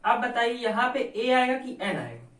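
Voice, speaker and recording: A woman's voice: fairly high pitch, sing-song, normal speed. Woman teacher explaining grammar, asks then answers herself, echoey room, sounds far away. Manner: asks questions and answers them, repeats key points. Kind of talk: classroom grammar lesson.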